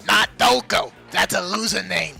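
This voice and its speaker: A man voicing a manic, brash female serial killer with a put-on New York accent, loud and over the top. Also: sits high, big pitch swings, moderate pace, creaky, faint music behind, full character voice. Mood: gleeful. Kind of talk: amateur fan dub of a game.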